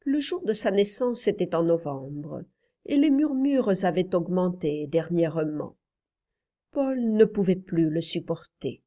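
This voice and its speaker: A woman reading a story aloud as an audiobook narrator, calm and deliberate. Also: fairly low pitch. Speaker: audiobook reader. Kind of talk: scripted narration.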